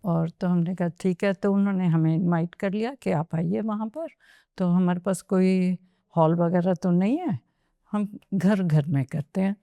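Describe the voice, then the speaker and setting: Low, mellow-voiced woman telling a story. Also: no room sound. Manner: unhurried, mixes English phrases into Hindi. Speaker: guest. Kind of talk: storytelling in a podcast interview.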